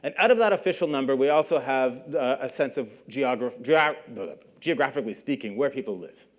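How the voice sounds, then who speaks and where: A middle-aged man from Canada gives a university lecture to a live audience. His delivery is loose and conversational, and he keeps asking the room questions and tagging his points with "right?". His voice sits at an ordinary middle pitch for a man. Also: expressive, brisk. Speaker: guest lecturer.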